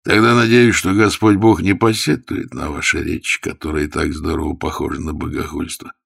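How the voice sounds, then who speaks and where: A man voicing a calm, composed mercenary captain who speaks in an unhurried way. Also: rumbling low, creaky, slightly rough, full character voice. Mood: wry.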